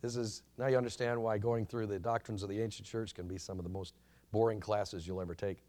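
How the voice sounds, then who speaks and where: Halting, earnest man teaching a church class. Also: lowish voice, steady tone, a little mellow. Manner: halting, many restarts and fillers, earnest. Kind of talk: informal church history lecture.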